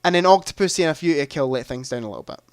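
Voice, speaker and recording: A man's voice: fairly high pitch, lively intonation, racing, clean tone, no room sound, studio quality. Chatty man hosting a quiz. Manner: chatty, thinks aloud, self-deprecating asides. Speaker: host of a live movie quiz stream. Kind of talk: casual live-stream quiz chat.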